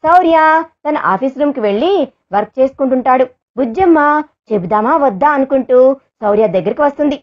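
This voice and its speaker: A woman narrating a serialized love story in a steady storytelling manner. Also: high voice, normal speed, highs cut off.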